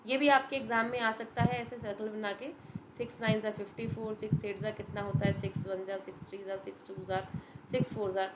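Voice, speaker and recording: A woman's voice: mid-range voice, flat delivery, fairly quick, very noisy. A woman teacher giving a patient, step-by-step revision lesson to young students, mixing Hindi and English. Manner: patient, explains step by step, addresses students as beta.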